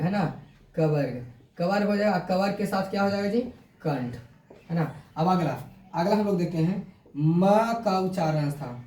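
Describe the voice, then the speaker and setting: A man's voice: high-pitched, mellow. A man teaching a grammar lesson, repeating his points and quizzing with rhetorical questions, recorded from a distance in an echoey room.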